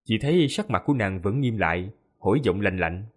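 A man narrating a fantasy novel audiobook with lively, expressive storytelling. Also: lowish voice, fairly quick, breathy edge.

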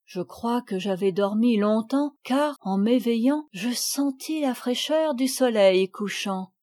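A woman's voice: on the high side, slow pace, warm tone. Woman reading a storybook aloud. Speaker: audiobook reader. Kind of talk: storybook narration.

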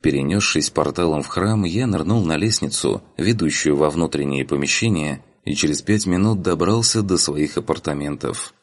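Man, audiobook narrator, very low voice, wry first-person telling. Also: normal speed, few pauses.

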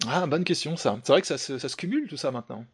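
A man's voice: on the high side, animated, quick pace, slightly rough. A man hosting a casual podcast discussion, talking in a hesitant, sneering way with many fillers and restarts. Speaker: host.

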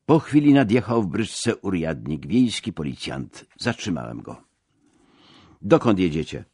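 Low, husky male storyteller. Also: moderate pace, dry recording, clean studio sound. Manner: expressive, dramatic storytelling. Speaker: narrator. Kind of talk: audiobook narration.

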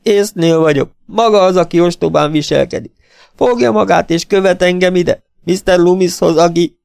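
A man's voice: gravelly, darkish tone, clear, resonant tone, no echo, clean studio sound. A man voicing a distraught, defiant young woman in an audiobook, speaking with emphatic, pleading insistence. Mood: upset defiant. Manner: raised pitch, emphatic, pleading.

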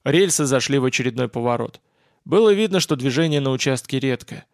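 A man's voice: medium pitch, animated, brisk, gravelly, no room sound. A man narrating a first-person audiobook in a wry, weary way, close to the mic. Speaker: audiobook reader.

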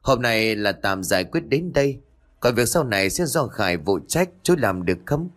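A man voicing a calm, gentle young male Buddhist exorcist who speaks in a measured, persuasive way. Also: lowish voice.

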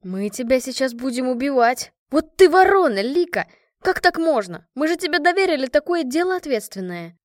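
Lady reader doing a stern scolding squad girl, high voice, dry close. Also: expressive, moderate pace, a little mellow, no echo.

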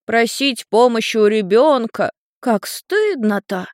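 A sly little girl who giggles and taunts, as a woman reading a story puts her on. Her voice leaps up high and playful, recorded close and dry with no room around it. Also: expressive, slow, dry recording. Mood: mocking. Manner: taunting, laughing, rising high.

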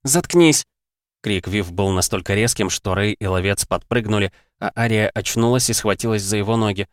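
A man narrating an audiobook in a steady, even reading voice. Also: fairly low pitch, brisk, no room sound, clean studio sound. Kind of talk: scripted narration.

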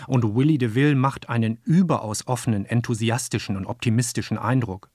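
A man reading scripted radio narration and voicing over an interviewee's words in an even, measured way. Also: mid-range voice, breathy edge, no echo. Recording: dry studio voice.

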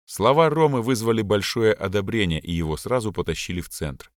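A man reads a first-person memoir aloud in a reflective, expressive manner. His voice sits on the low side but swings widely in pitch. The recording is dry and close. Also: brisk, no echo. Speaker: audiobook narrator.

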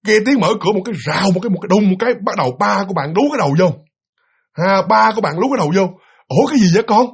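A young man telling a ghost story in an animated way, acting out the voices of a father and a frightened child. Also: high-pitched, husky.

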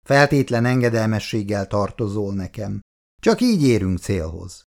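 A man's voice: fairly low pitch, sing-song, creaky, voice pushed down. A man voicing a domineering teenage boy who leads a runaway gang, giving commands. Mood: commanding.

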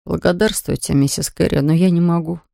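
A reader voicing a bedridden orphan boy in an audiobook, speaking quietly, firmly and gloomily. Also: medium pitch, brisk, gravelly, dry recording, clean studio sound, close to an everyday voice. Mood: stubborn sad. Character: sick orphan boy, proud and stubborn. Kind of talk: audiobook character voice.

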